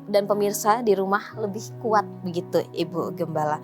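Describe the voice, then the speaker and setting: A woman's voice: mid-range voice, normal speed. Indonesian woman hosting a tv talk show, polite, lots of ums, faint music behind. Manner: polite, hesitant, many fillers, mixes in English phrases. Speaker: TV show host.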